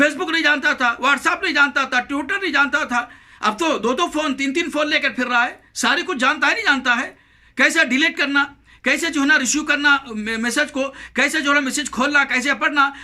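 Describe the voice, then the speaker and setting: A man delivers a Ramadan sermon in a very high, piercingly bright voice. He scolds and exhorts his listeners, repeating lines for emphasis. When he quotes scripture, he slows into a drawn-out, melodic recitation. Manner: recites Quranic verses slowly and melodically. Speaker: preacher.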